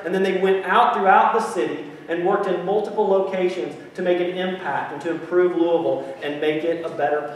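A middle-aged male pastor preaching a sermon, earnest and grateful, with many restarts and ums. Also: sits high. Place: large church sanctuary. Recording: echoey sanctuary from a distance.

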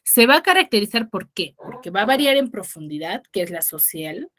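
A woman's voice: mid-range voice, big pitch swings, fairly quick, fairly bright tone. A woman with a Peruvian accent from Huaraz, a secondary school teacher explaining a lesson in an online class and often checking with her students. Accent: Peruvian Spanish, Huaraz. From Peru. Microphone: video call.

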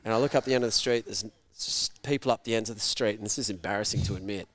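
A man's voice: lowish voice, fast. A man telling a story casually, swearing freely and acting out the voices of people in it. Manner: animated, swears freely, acts out shouted quotes. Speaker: guest.

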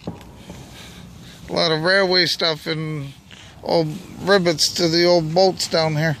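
This clip has a man speaking at a slow pace in a fairly high, somewhat bright voice with level intonation, casually chatting as he films a night magnet fishing outing. The setting is a bridge walkway outdoors, recorded on the camera or phone in his hand, with noise and a background hum.

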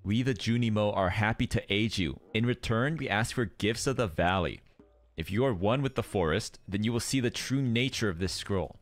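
A man voicing a grandiose old male wizard, with solemn, theatrical lines in a deliberately bad mock accent. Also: fairly low pitch, bright, forceful tone, full character voice. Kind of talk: reading game dialogue in a put-on voice.

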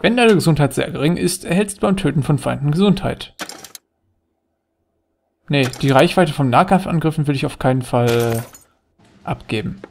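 Gravelly man muttering over gameplay. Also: fairly high pitch, normal speed, pauses often, slight background noise. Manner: chatty, muttering, thinking aloud. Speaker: let's play gamer. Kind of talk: casual gameplay commentary.

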